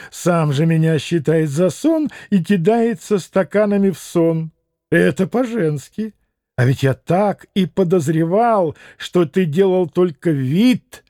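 A man's voice: high voice, warm tone, no echo, studio quality. A sly mocking devil, as a man reads him. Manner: mocking, theatrical. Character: mocking male devil guest, sly and sneering. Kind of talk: audiobook character reading.

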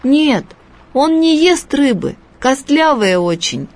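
A woman's voice: high voice, big pitch swings, takes it slowly, voice pushed up, heavily acted. A woman voicing a small boy in a storybook reading, eager and defensive, covering his fear with bravado. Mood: fibbing. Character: small boy, anxious but putting on bravado.

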